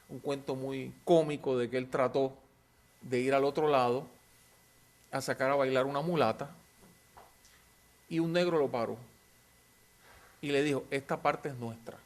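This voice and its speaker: Guy answering questions at a talk, creaky voice, mid pitch, chatty lecturer style. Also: moderate pace, long pauses. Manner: anecdotal, seeks agreement with tag questions.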